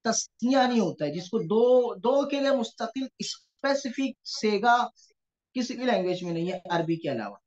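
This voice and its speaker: A man's voice: high-pitched, big pitch swings, normal speed, darkish tone. A man teaching an online grammar lesson, explaining patiently and often checking in with his students, over a computer mic on a video call. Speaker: Quranic Arabic teacher. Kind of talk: online class lecture. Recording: dull lo-fi online class audio.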